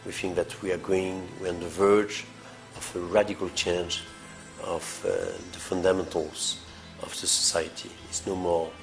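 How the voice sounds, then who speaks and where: A man with a very low voice explains things in an interview, speaking deliberately and stopping for fillers. Faint music runs quietly under his words. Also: level tone. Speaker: event organizer interviewee. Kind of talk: interview soundbite.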